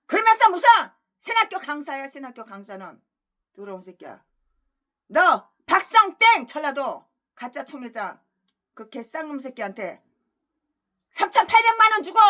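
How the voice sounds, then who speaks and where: A woman pastor preaching an expository sermon, breaking into angry, abusive tirades that swing between shouting and low muttering.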